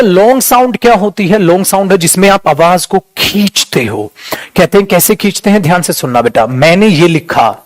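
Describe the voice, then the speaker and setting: A man with a high voice, caught close and dry on the mic, gives an online English lesson. He talks to his students familiarly and stretches out words to show how they sound. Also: no room sound. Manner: addresses students as beta and dear, demonstrates pronunciation. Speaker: English teacher. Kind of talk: online class lecture.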